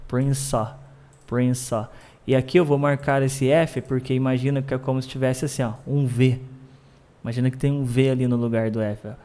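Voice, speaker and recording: A man teaching English pronunciation in a lesson. He explains in short bursts and repeats English phrases slowly, several times over. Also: mid-range voice, level tone, warm tone.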